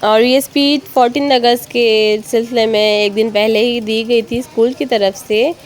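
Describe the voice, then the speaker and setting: A woman's voice: a little high, fairly even intonation, moderate pace. A mother in her thirties with a Pakistani Urdu accent, narrating her family vlog in a friendly storytelling voice. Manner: friendly, storytelling, polite address to viewers. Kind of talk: voice-over narration. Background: soft acoustic guitar music.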